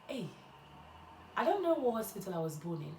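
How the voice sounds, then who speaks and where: A woman's voice: mid-range voice, brisk, echoey room, recorded from a distance, a little hiss or hum. A young woman from Ghana with a Ghanaian English accent tinged with Nigerian touches, chatting and rambling through a get-to-know-me vlog. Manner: chatty, rambling, animated storytelling. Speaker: YouTuber.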